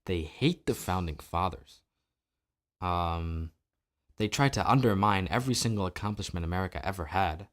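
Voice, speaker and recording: A low-pitched man from New Jersey carries a one-man political commentary podcast. He talks in a sarcastic, opinionated way and throws out rhetorical questions at his listeners. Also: moderate pace. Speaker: podcast host. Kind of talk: solo political commentary monologue.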